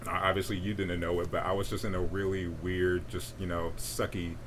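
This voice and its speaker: A young man co-hosts a podcast, chatting casually in a laid-back, rambling way packed with fillers. His voice is deep with little pitch movement and a brisk pace, against a noisy background.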